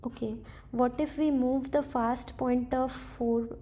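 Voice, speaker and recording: A woman with a high, dark-toned voice speaks slowly with fairly even intonation as a coding tutor, thinking aloud through a programming problem. She sounds hesitant and tentative, correcting herself along the way.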